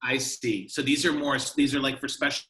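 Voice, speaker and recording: A man hosts an online cooking series, opening with a formal introduction of his guest before moving into curious questions. His voice has a bright, forward edge. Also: medium pitch, fairly quick, rough recording. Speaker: host.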